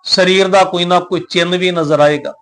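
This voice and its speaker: A man with a Punjabi accent teaching the correct recitation of scripture, in a measured lesson that slows right down for the recited verses. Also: high voice, steady tone, a bit bright. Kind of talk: slow instructional recitation lesson.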